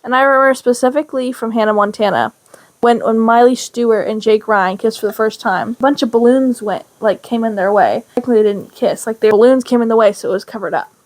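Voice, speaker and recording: A woman chatting casually as a podcast co-host, telling personal stories in an animated way and acting out dialogue. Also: a little high, quick pace. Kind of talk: casual chat, personal storytelling.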